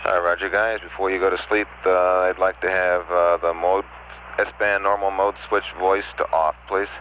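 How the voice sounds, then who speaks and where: A man working as capsule communicator, talking calmly and haltingly over a breaking-up space radio link with many fillers. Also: sits low. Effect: crackly, breaking-up space radio link. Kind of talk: terse radio exchange. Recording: muffled, hissy archival air-to-ground radio.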